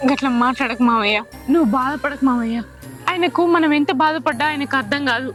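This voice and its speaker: A woman plays a caring young Telangana daughter-in-law who soothes her father-in-law and scolds her husband. Her voice is high and quick, with faint music behind it. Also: fairly bright tone. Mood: soothing. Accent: Telangana Telugu. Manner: pleading, reproachful. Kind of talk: village short film acting.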